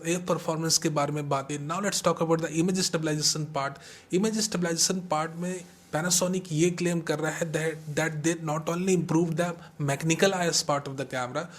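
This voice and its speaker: A man with a fairly high voice walks through a camera comparison. He explains each spec in turn in a tech-review manner and mixes Hindi with English. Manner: explains step by step, comparing specs.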